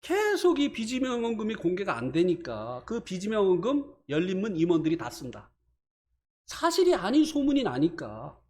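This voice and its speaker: A male pastor preaching a sermon in a church, telling a personal story with animated swings between heated and subdued. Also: sits high.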